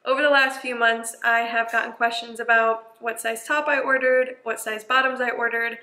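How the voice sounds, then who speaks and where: A woman's voice: on the high side, fairly even intonation, moderate pace, bright, forceful tone. A young woman casually explaining things to her viewers, a little out of breath and laughing lightly now and then. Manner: chatty, friendly, laughs lightly. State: slightly out of breath. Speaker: vlogger, active duty airman. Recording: echoey room.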